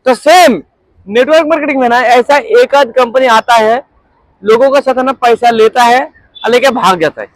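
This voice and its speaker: Very high-voiced man. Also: normal speed, low-quality recording. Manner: quizzes the audience constantly, asks for call-and-response. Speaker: network marketing trainer. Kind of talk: interactive seminar talk. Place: training room with a group audience.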